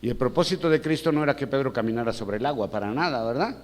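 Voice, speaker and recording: A man's voice: mid-range voice, expressive, fast. Man preaching in an echoing church. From Mexico. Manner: chatty, asks the congregation many rhetorical questions. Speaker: pastor. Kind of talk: conversational sermon. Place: church hall. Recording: long church-hall reverb, faint background hum.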